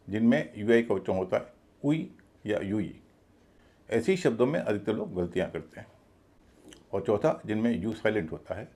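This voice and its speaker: A man's voice: medium pitch, darkish tone. A man teaching English pronunciation in a video lesson, spelling words out letter by letter and then repeating the correct form.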